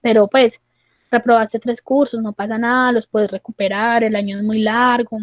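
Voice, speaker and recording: A woman quoting a calm male psychologist who patiently reassures his patient, in a dry recording. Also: on the high side, normal speed, dry recording, close to an everyday voice. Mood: reassuring.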